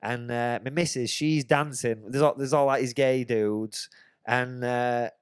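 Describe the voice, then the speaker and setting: A man's voice: mid-range voice, measured pace, clean tone, no room sound, clean studio sound. A man, telling a swear-filled story on a podcast. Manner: swears freely, animated anecdote telling. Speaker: podcast host. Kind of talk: casual chat, storytelling.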